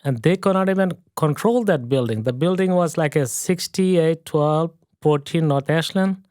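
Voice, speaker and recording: A man's voice: on the high side, normal speed, darkish tone, dry recording, studio quality. A middle-aged man from Bangladesh, a plumber and investor, telling his story in earnest broken English as a podcast guest. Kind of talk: casual interview chat.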